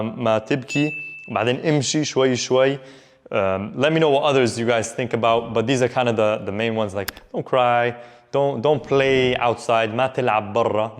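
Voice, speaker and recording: A man with a Levantine Arabic accent teaching in a casual, informal way, switching between English and Arabic example phrases and repeating them. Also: medium pitch. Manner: informal, repeats example phrases, checks in with short tag questions.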